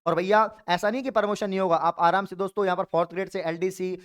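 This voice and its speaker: A man's voice: high voice, steady tone, fast, smooth. A man from Rajasthan, a coaching teacher giving an exam update online and encouraging his viewers, whom he calls friends and brothers. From Rajasthan, India. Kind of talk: YouTube exam update talk.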